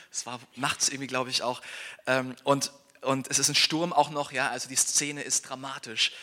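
A man's voice: a little high, sharp tone. A man preaching a sermon as a pastor, earnest and conversational, often checking in with his listeners and repeating words as he restarts. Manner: earnest, tag questions like "ja?". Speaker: pastor and church planter.

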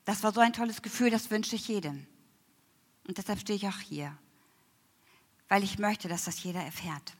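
A woman giving a personal faith testimony, emotional, often slowing down and dropping to near whispers. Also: mid-range voice. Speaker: church member giving testimony. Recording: long hall reverb.

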